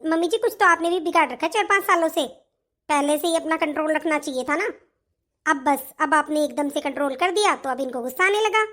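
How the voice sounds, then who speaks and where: Woman doing cartoon younger daughter-in-law, sly new bride, whiny, tattling, very high voice. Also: fairly quick, fairly bright tone. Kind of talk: animated family story voice acting.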